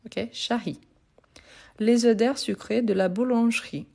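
Slow, patient woman teaching. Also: a little high, vocal fry, a little mellow. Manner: repeats and spells out words slowly, answers viewers' chat. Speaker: French teacher. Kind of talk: live online grammar lesson.

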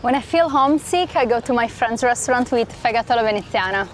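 Italian-accented woman with a higher voice. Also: expressive, fast talker, a little hiss or hum, rough recording. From Sardinia, Italy. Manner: hesitant, with many fillers. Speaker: wine sales manager. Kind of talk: interview monologue. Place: outdoors on a street.

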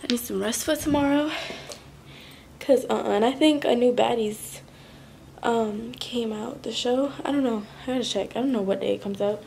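Stuffy-voiced young woman, gravelly. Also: fairly high pitch, moderate pace, darkish tone, slight background noise. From Florida. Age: 20s. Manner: chatty, slangy, rambling. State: sick, stuffy nose. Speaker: lifestyle vlogger. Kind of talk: casual vlog chat to camera.

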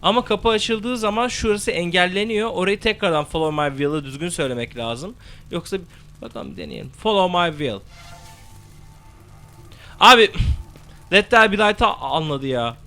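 A young man with a bright, slightly high voice chats through a game he is playing. He curses freely and shouts spell words into the mic, with faint game music underneath. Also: animated, normal speed, long pauses. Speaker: gameplay commentator. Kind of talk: let's play commentary.

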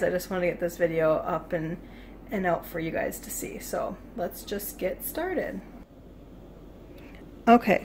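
Chatty young woman in her kitchen. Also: on the low side. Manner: chatty and rambling, with many fillers. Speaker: cooking vlogger. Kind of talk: casual cook-along vlog. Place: home kitchen, indoors. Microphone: phone camera at arm's length.

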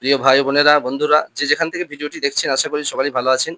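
A Quran reading teacher giving a patient lesson, drilling pronunciation call-and-response, often repeating questions and slowing down to model each word. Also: mid-range voice, steady tone, bright, forceful tone, dry recording.

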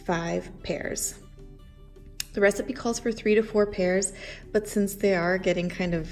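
A woman's voice: lowish voice, a little mellow. A woman in her thirties chatting casually through a home baking demo in her kitchen, rambling with lots of fillers.

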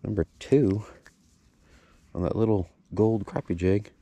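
A slightly slow male voice with vocal fry comes from a fishing channel host chatting casually from a boat as he fishes. His tone is laid-back and upbeat, "boom" is a favorite word, and the outdoor action-camera footage carries background noise.

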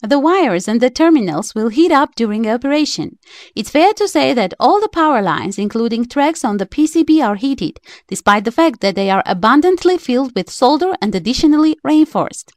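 Lively, high-voiced woman narrating a DIY build. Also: normal speed, no echo, studio quality. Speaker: DIY electronics channel narrator. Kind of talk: scripted voice-over narration.

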